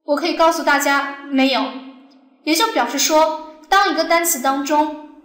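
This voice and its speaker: A woman's voice: high-pitched, steady tone, moderate pace, fairly bright tone, roomy sound. A woman teaching a recorded language lesson, explaining step by step with patience and often asking the class questions. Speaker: Arabic teacher.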